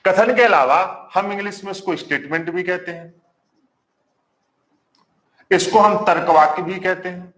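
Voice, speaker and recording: A man with a fairly high voice teaches a live online class. He says each point more than once and keeps asking the viewers to answer back. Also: unhurried, pauses often. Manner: repeats points and quizzes the class; warm greetings to viewers. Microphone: marker on whiteboard.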